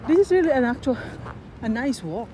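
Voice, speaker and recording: A woman's voice: sits high, sing-song, brisk, mellow. A woman chatting casually on a walk, curious, with short questions and remarks to her companion. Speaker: companion on a walking tour. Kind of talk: casual chat, asking questions. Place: outdoors, walking around a campus. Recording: noisy outdoor recording while walking.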